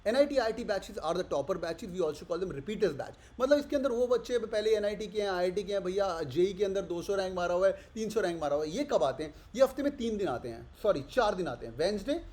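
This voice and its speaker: Energetic and expressive, this young adult man pitches the CAT exam course he teaches, his tone leaning darkish. He switches rapidly between languages and acts out the questions his students might ask.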